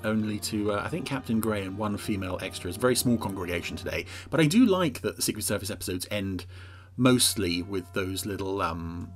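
A man's voice: lowish voice, expressive, brisk, soft background music. A man hosting a casual episode commentary in a wry, rambling, hesitant way. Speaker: host.

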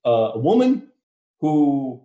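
A man's voice: mid-range voice, sing-song, takes it slowly, dark tone, muffled recording. A man co-hosting a casual podcast, giving an opinionated rant. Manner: opinionated, ranting. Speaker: podcast co-host. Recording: roomy echo.

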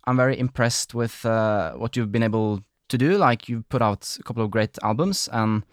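In clean studio sound with no room reverberation, a mid-range male voice moves at a moderate pace. The speaker is a Norwegian podcast host making casual interview chat, and his talk rambles, apologizes often, and is full of fillers.

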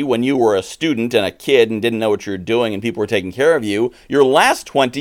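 Earnest man giving motivational advice. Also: mid-range voice. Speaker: podcast host. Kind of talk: motivational monologue.

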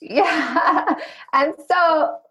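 A woman's voice: sits high, very slow, sharp tone, low-quality recording. A woman from Zimbabwe with a light Zimbabwean and South African accent that is mostly American, an enthusiastic, earnest marketing coach chatting as a podcast guest. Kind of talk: casual podcast conversation.

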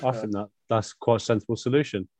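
A young man chats in an easy, bantering way as a podcast panellist. His voice is a little low, and the sound is dry and free of echo. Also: steady tone, quick pace, a little mellow, slightly rough. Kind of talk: casual banter.

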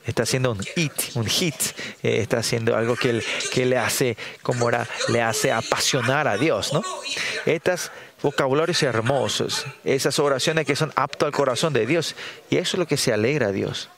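A middle-aged man preaching a sermon as pastor, halting with fillers and tag questions and acting out prayers in a raised voice. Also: medium pitch, vocal fry, crowd noise. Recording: congregation audible behind.

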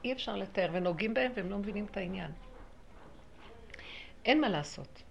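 A woman teaching a spiritual lesson to a small group, animated, acting out quotes and laughing often. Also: mid-range voice, creaky, highs cut off, slight background noise.

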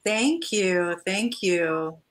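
Born in Trinidad and moved to the US at about eight, this woman is a life and divorce coach appearing as an interview guest. Her lowish voice is animated, with drawn-out words, and she tells personal stories in an effusive way.

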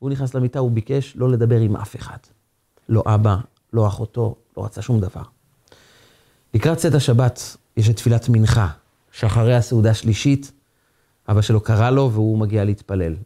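A man, a rabbi, giving a sermon as a dramatic, expressive story. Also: lowish voice.

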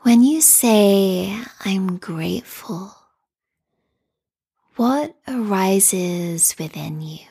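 A woman guides a meditation in a calm, meditative tone. Her voice is soft and whispery, full of breath. She speaks extremely slowly and soothingly, at a medium pitch. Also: vocal fry, slightly rough.

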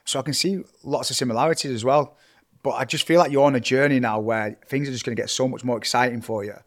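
Fast-talking male podcast host, encouraging. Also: medium pitch. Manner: encouraging, supportive. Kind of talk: casual interview chat.

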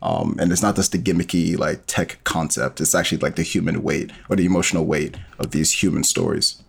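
In a low, creaky voice with a breathy edge, a podcast guest who creates audio dramas talks fairly quickly. His casual interview answers ramble with many fillers.

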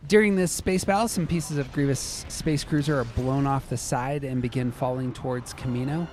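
A man's voice: medium pitch, normal speed, background noise. A man hosting a podcast, casually recapping and discussing a TV episode, narrating scenes as he goes. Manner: narrates scenes, reads out quotes, laughs easily. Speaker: podcast host.

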